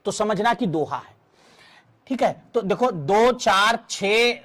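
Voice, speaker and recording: A man teaching a Hindi exam-prep class, explaining verse meter slowly and counting syllables aloud for his students. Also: sits high, animated, fairly bright tone.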